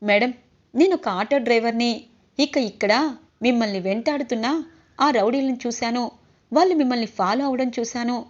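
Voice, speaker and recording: A woman's voice: on the high side, normal speed, long pauses, natural voice. A woman reading the lines of a kind young male auto driver, polite and reassuring. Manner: reassuring, polite, calls her madam. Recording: slightly dull lo-fi audio.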